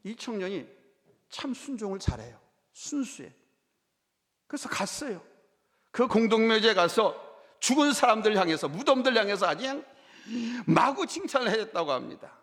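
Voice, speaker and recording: A man preaching in a church, his voice high and lively as it rises and falls. He swings from loud, emphatic lines down to hushed near-whispers. A long hall reverb trails each phrase. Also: moderate pace. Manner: tells stories and acts out both sides of a dialogue. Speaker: pastor. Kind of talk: sermon. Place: church sanctuary.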